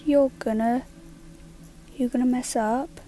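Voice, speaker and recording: A woman narrating her own gameplay in a casual, jittery way. She speaks mostly in a hushed, nervous tone and bursts out loud when excited. Her voice sits a little high, and faint music plays behind her. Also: takes it slowly. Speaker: gaming YouTuber.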